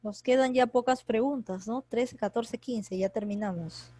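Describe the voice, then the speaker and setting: Brisk teacher quizzing her class. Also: a little high, dark tone, dry recording. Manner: quick, chatty, quizzing students by name. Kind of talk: online grammar class. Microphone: computer mic on a video call.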